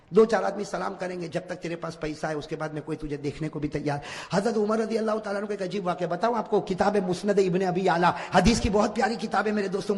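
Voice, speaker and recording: A man preaching a storytelling sermon, calling his listeners his friends and asking them to repeat after him, moving between quiet asides and loud shouts. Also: high-pitched, creaky, big-room sound. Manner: addresses listeners as friends and calls for responses.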